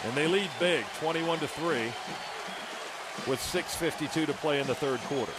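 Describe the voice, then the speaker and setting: American male radio announcer, football touchdown call, clipped play-by-play, fairly high voice, loud stadium noise. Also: normal speed, over a noisy crowd. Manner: clipped running description of each play. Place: open stadium broadcast booth. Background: loud stadium ambience.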